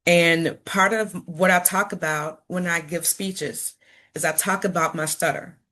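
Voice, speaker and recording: Her voice is lowish, unhurried, pushed and bright, with fairly even intonation. The speaker, a middle-aged motivational speaker from Chicago, United States, stutters and repeats words as she talks earnestly and encouragingly in a personal talk to an audience.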